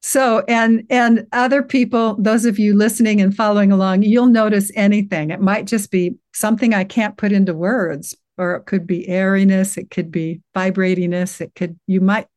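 An older woman gently guiding a listener through an inner awareness exercise, reassuring and unhurried, with frequent restarts. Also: medium pitch, steady tone. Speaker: guest teacher guiding a practice. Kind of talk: guided meditation walkthrough in conversation.

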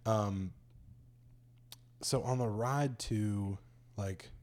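A man's voice: fairly low pitch, very slow, a little mellow. A young man chatting casually with a friend, telling laid-back stories and laughing often. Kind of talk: casual chat.

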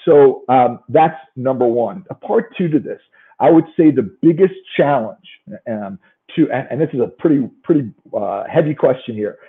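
A man's voice: mid-range voice, expressive, normal speed. A man with a New York accent giving a motivational business talk as a coach, emphatic and often putting rhetorical questions to his listeners. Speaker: sales coaching speaker and trainer. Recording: thin, narrow-band phone-like sound.

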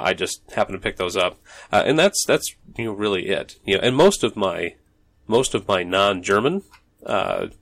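A man with a lowish voice and a fairly bright tone hosts a solo podcast from his home office. His casual monologue is loose and rambling, with many ums and restarts.

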